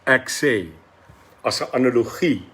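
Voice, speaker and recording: A man's voice: medium pitch, expressive, unhurried, a bit bright, slightly rough. An older man with a South African accent gives a blunt, combative, emphatic live video address as a political leader, switching between two languages. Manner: switches between Afrikaans and English.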